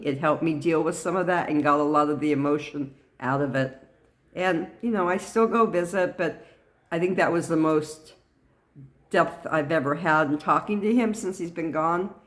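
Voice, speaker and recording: A middle-aged woman giving a personal talk to camera in an earnest, halting way. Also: low-pitched. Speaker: vlogger sharing personal experience.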